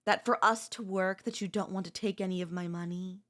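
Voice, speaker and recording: This ASMR girlfriend role-play features a woman with a lowish voice and a brisk pace. She sounds composed, though her words have a cutting, subtly possessive bite.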